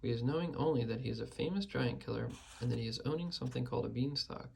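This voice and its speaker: A man voicing a kindly old male giant who speaks in hushed tones with mangled grammar. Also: mid-range voice, quick pace, vocal fry, slight background noise, rough recording. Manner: hushed whisper, broken grammar.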